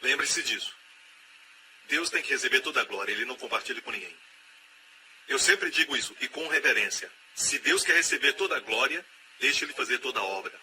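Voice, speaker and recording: A man with a Brazilian Portuguese accent, giving the voice-over of a sermon with emphatic preaching and loud repeated exhortations. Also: medium pitch, a little fast. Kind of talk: dubbed sermon. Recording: steady background noise.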